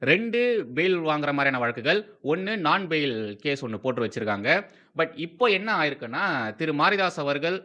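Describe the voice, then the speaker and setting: Mocking, lively-voiced commentary man. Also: a little high, brisk. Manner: mocking, sarcastic, repeats phrases for emphasis. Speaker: political commentary host. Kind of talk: political commentary.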